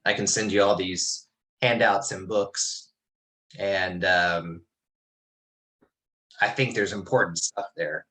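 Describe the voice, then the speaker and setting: A middle-aged man teaches a small class over a video call, his low-pitched voice carrying a bright, forceful edge. He tells personal stories in a relaxed, reflective way, often stopping to restart a sentence. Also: slow, long pauses, rough recording.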